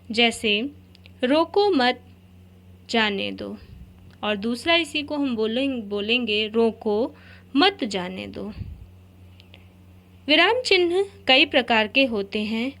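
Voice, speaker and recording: A woman teacher giving a grammar lesson, explaining slowly and carefully and repeating each example. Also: a little high, pushed and bright.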